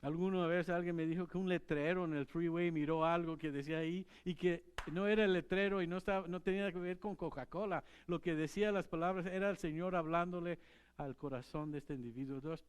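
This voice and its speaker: A male pastor preaches in a conversational style, often turning to the congregation with questions. His voice sits somewhat high for a man, and he speaks in a church. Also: fairly even intonation, a little fast, smooth. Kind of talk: sermon.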